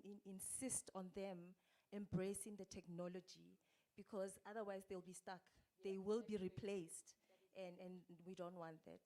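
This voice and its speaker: A woman speaks as a panelist, explaining at a measured pace with a few restarts. Her voice sits in an ordinary middle pitch. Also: dark tone. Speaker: panelist from an accounting body. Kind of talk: panel discussion.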